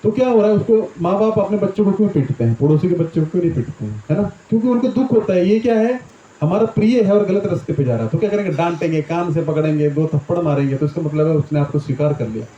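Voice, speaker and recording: This Gita teacher talks fast in a high, expressive voice with a dark tone, leaning on homely examples and checking in with listeners by often asking "right?" The recording is dull and lo-fi, made in an echoey room.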